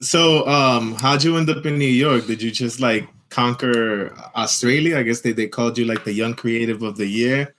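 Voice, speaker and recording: A man's voice: medium pitch, steady tone, moderate pace, hardly any pauses, fairly bright tone, a little hiss or hum. A man hosting a podcast in a laid-back, joking, slangy way. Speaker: podcast host. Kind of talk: casual interview chat.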